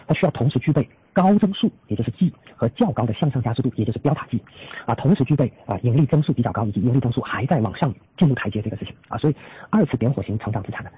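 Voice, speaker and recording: A man's voice: medium pitch, breathy edge. A man formally presenting prepared market analysis as the host of an investor conference call. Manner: formal, with frequent trailing "a" particles. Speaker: chief strategist hosting an investor call. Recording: tinny phone-line conference audio.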